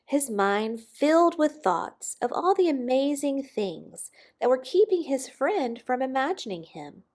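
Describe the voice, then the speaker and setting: A woman reading a children's picture book aloud expressively, with dramatic pauses and emphasis on key words. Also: high-pitched, big pitch swings, a little mellow. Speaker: storybook reader.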